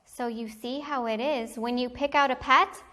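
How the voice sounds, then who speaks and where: With a somewhat high voice, a woman teacher reads a children's picture book aloud, telling the story in an animated, deliberate way for young listeners.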